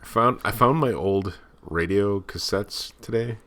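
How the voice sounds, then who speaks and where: Deep-voiced joking male co-host. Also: measured pace, a bit bright. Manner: joking, playful. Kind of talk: casual chat.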